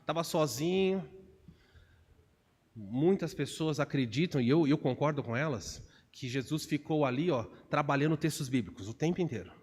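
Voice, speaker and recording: A man with a Brazilian Portuguese accent, a pastor preaching an expository sermon in a church, animated and acting out quotes in changing voices. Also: on the high side, normal speed, breathy edge. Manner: animated, acts out quotes with shifts of voice. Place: church sanctuary. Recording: long reverb of a church hall.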